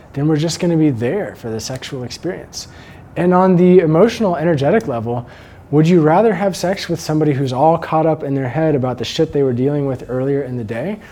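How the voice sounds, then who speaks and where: A man talks through a lesson in a calm, earnest manner. His voice is warm and low in tone, and he often slows down and quiets to let an idea land. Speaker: sex educator. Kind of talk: instructional talk.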